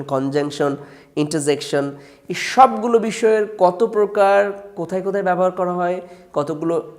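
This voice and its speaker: Earnest Bangladeshi man promoting his book. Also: fairly high pitch. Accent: Bangladeshi Bengali. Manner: earnest, lists topics with frequent hesitations. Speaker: author presenting his grammar book. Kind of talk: promotional talk to camera.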